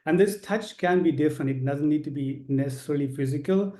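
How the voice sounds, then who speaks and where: A man's voice: on the high side, brisk, warm tone, echoey room. A man from Sri Lanka, a course participant, sharing his thoughts on a video call in a rambling way, with many fillers.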